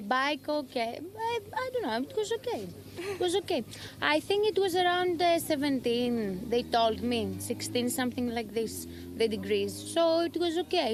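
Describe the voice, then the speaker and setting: A woman from Greece with a Greek accent, a triathlete answering trackside interview questions outdoors, hesitant and searching for words in English. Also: high voice. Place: outdoors at a race aid station.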